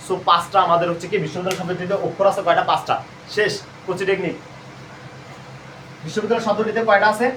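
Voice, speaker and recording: A man's voice: high voice, a bit bright, recorded from a distance. A man with a Bangladeshi Bengali accent teaching an admission prep lesson live, asking questions and answering them himself. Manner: repetitive quizzing, asks and answers own questions. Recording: roomy echo, voice off-mic, faint hum.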